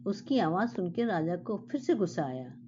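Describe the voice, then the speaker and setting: A woman telling a children's story in Hindi, explaining words and talking warmly to the kids listening. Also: fairly low pitch, big pitch swings, moderate pace, muffled recording, slight background noise.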